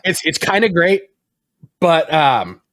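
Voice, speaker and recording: A man's voice: fairly high pitch, takes it slowly, no echo, studio quality. A young man co-hosting a gaming podcast, rambling and swearing as he tells stories in casual chat. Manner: rambling, profane, animated storytelling. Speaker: podcast co-host.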